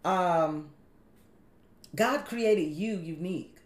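A woman hosting a faith-based chat, talking in a relaxed, conversational, preachy way. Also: on the low side, drawn-out words, reverberant. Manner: conversational, preachy, uses everyday analogies. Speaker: podcast host.

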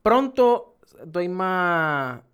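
A man hosting a podcast in casual chat. He talks in an animated, rambling way and laughs often. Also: high voice, extremely slow, clean tone. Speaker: podcast host.

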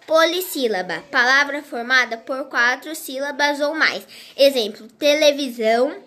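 Slow high-voiced woman reading a lesson. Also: lively intonation, bright, forceful tone. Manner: slow, halting reading with restarts. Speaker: teacher. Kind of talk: reading a grammar lesson aloud.

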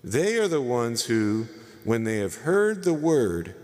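A man reading the gospel aloud at Mass, slow and measured, in a large church with a cathedral echo. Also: mid-range voice, very animated, a little mellow. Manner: slow, measured, solemn delivery. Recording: long church reverb.

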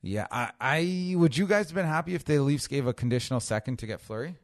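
Fast-talking man, dry close sound. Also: a little high, expressive, dry recording. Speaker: podcast co-host. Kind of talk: casual sports chat.

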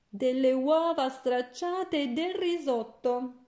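A solemn magic talking mirror, voiced by a woman reading a storybook aloud. It pronounces each word slowly and carefully in a mellow tone, with a roomy echo behind. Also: high-pitched. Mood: plain. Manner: slow, measured, pronouncing.

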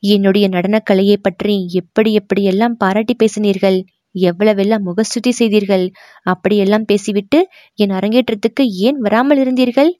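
A proud young dancer speaks with sharp resentment, close to tears, as a woman reading the story gives her voice. The sound is close and dry, with no room around it. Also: medium pitch, steady tone, normal speed, no room sound, natural voice. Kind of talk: audiobook narration of a historical novel.

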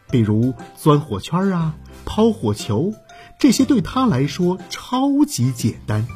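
Male storyteller for kids, slow and very animated, with faint music behind. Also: mid-range voice. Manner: expressive, drawn-out storytelling to kids. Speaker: children's storyteller. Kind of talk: children's story narration.

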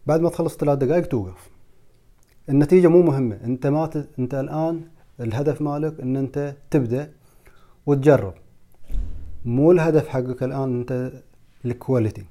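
A man's voice: mid-range voice, fast talker, long pauses, warm tone. A young man, coaching on public speaking in a casual video lesson and repeating points for emphasis. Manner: repetitive, emphatic, mixes in English terms.

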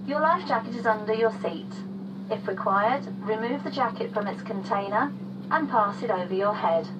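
Female flight attendant, higher voice, formal scripted safety briefing, distant cabin speaker, clear background hum. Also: normal speed, dull audio. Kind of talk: scripted airline safety announcement. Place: aircraft cabin.

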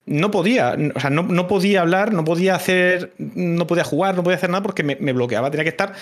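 A man with a Murcian Spanish accent talks over a video call in a relaxed, easygoing way. His voice sits a little high, and he swears freely and trips over his restarts as he goes. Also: fast talker. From Murcia, Spain. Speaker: streamer guest. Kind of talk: casual chat.

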